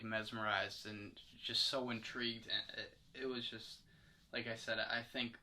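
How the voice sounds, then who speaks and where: A young man co-hosts a podcast, his mid-range voice carrying a sharp tone. The talk is casual chat, and he rambles hesitantly, packing in plenty of fillers.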